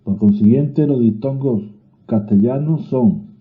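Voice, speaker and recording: A man with a Spanish accent reads a grammar lesson aloud at a slow, deliberate pace, now and then restarting a word. His voice sits at a middle pitch. The recording is thin and narrow, like a phone line. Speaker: teacher. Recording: phone-like narrow-band audio.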